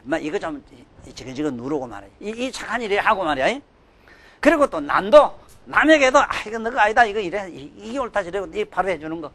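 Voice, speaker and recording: An older man giving a sermon, scolding and emphatic, swinging from loud outbursts to low mutters. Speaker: Buddhist dharma teacher.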